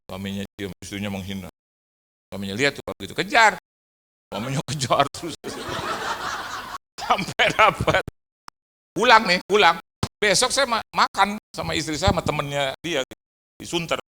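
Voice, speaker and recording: Animated storytelling male pastor. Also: fairly high pitch, moderate pace, long pauses, noisy background. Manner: animated, humorous, acts out dialogue. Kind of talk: sermon with storytelling. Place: fellowship gathering.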